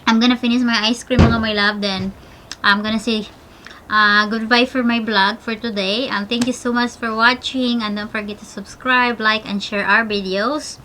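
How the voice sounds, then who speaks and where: A woman's voice: fairly high pitch, fairly even intonation, unhurried, noisy background. A woman from the Philippines chatting casually in her vlog, mixing in English and cooing at her dog now and then. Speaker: vlogger. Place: outdoors at home in the evening.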